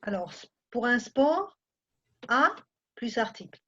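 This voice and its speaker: A woman's voice: fairly high pitch, very animated, takes it slowly. A woman with a Mexican accent teaching a French class in Spanish, often checking that students follow. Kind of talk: online class lecture. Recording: muffled lo-fi audio.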